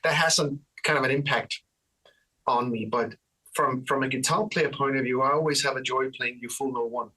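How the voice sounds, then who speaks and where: Danish-accented man, bright husky voice. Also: mid-range voice, moderate pace, far from the mic, low-quality recording. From Denmark. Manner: relaxed, rambling, frequent restarts and fillers. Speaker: guitarist guest. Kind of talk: casual interview chat.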